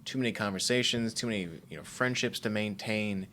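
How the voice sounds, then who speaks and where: A man with a very low voice talks through his thoughts on a casual faith podcast, circling back with lots of fillers. There is a faint hiss of noise behind him. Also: fairly even intonation, fairly quick, pushed and bright. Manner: rambling, thoughtful, many fillers. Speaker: podcast co-host.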